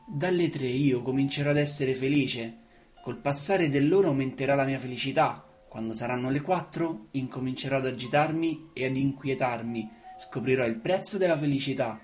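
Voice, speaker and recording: A woman's voice: a bass voice, moderate pace, soft background music. A woman voicing a wise, wistful fox who longs to be tamed, speaking earnestly and explaining. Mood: patient. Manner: earnest, explaining, a little louder.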